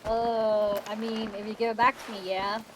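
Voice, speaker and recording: Female co-player, high voice, casual gaming banter, recorded with very noisy background and clicks. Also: flat delivery, normal speed. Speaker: co-player in online game. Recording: loud noise behind voice, clicks.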